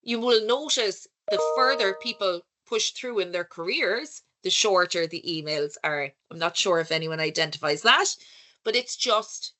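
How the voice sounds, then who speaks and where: A woman's voice: medium pitch, animated, unhurried, sharp tone, slight background noise. A woman with an Irish accent giving a conversational conference talk, asking rhetorical questions and correcting herself as she goes. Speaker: workshop speaker.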